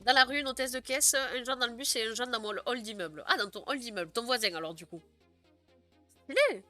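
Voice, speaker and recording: Young woman streaming, chatty and giggly, bright slightly high voice, soft music going behind her. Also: lively intonation, fairly quick, dry recording. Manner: chatty, giggly, many fillers. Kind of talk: casual live stream chat.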